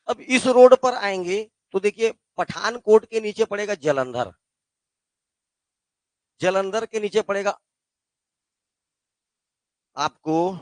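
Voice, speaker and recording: A male teacher with a Chhattisgarh Hindi accent gives a classroom geography lesson in a high-pitched, darkish voice with no room sound. He quizzes his students with call-and-response questions and addresses them as "beta."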